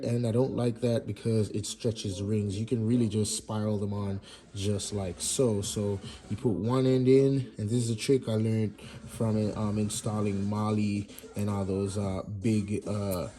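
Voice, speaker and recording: A low, mellow-voiced man with a Jamaican accent walks through a garage job in an easygoing tutorial. He talks loosely, with fillers and restarts, over faint background music. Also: low-quality recording. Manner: relaxed, chatty, many fillers and restarts. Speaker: mechanic demonstrating engine assembly. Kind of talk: casual how-to tutorial. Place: home garage workshop.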